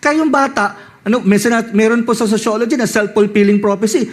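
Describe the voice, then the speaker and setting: A Filipino male lay preacher with a very high voice gives an animated sermon. He swings from a high reading voice to low asides, reading scripture slowly and loudly.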